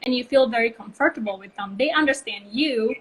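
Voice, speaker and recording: A husky, brisk woman whose voice sits on the high side tells chatty stories, sprinkled with "um" and "like," as a guest in a casual video-call interview. She comes from Bali, Indonesia, and co-founded a brand consultancy. The recording is low quality.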